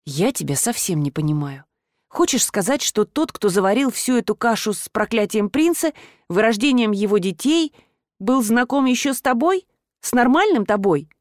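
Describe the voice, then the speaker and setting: A woman voicing a skeptical, sharp-tongued young heroine who asks blunt questions. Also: a little high, animated, normal speed, no echo, clean studio sound, natural voice. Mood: puzzled.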